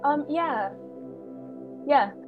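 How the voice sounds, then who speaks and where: Young student, talkative and casual, on a video call, slightly high voice, music bed underneath. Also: female voice, animated, drawn-out words, narrow, tinny audio. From Brazil. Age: young adult. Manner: chatty, leans on "like". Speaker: international student. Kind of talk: casual interview answers.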